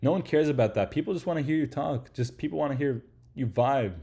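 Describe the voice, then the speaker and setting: A man giving casual, slangy advice to aspiring creators in a relaxed lecture, swearing now and then and tossing in "like" and "right?". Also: medium pitch, fast, vocal fry. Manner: laid-back, slangy, swears casually, peppers speech with "like" and "right?".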